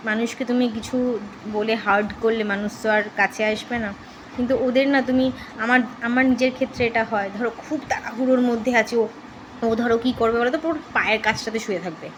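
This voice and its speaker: A woman's voice: a little high, dull audio. Woman cooing baby talk at her dog. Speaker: vlogger. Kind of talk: casual vlog chat. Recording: noisy home recording.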